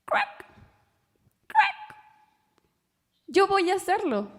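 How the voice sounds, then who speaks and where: A woman voicing a tiny, brave little frog with a high, squeaky, croaking voice in a told story. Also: wildly swooping pitch, very slow, fairly bright tone, exaggerated voice. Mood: eager. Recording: long hall reverb.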